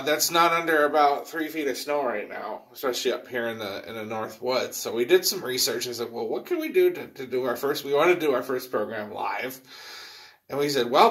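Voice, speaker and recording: A man's voice: on the high side, a bit bright. Chatty man echoing in a cave. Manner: chatty and rambling, many fillers and restarts. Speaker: host and president of a rail education group. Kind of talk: casual live virtual presentation. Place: underground in a copper mine.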